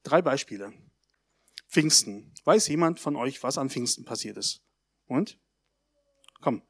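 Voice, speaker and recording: A man giving a baptism sermon, telling stories lively and putting questions to the congregation. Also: medium pitch. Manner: addresses the congregation directly, asks questions; lively storytelling, with pauses and hesitations. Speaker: pastor.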